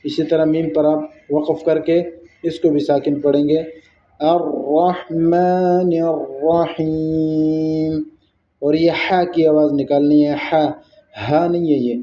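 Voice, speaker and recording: A man teaching Quran recitation rules, explaining patiently and drawing out recited words very slowly. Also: fairly high pitch, level tone. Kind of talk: tajweed lesson with slow recited examples. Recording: echoey, dull lo-fi recording.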